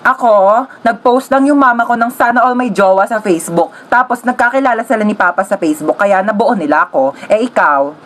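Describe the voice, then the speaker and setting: A woman's voice: on the high side, brisk. A woman narrating and acting out comedic storytime skits in a playful, teasing way, with music playing behind.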